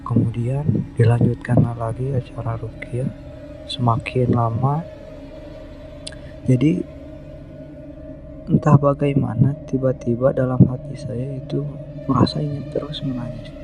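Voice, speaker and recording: A man from West Java, telling his own horror story in an unhurried, hesitant way with many pauses. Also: medium pitch, steady tone, music in the background. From West Java, Indonesia. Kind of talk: first-person horror story narration.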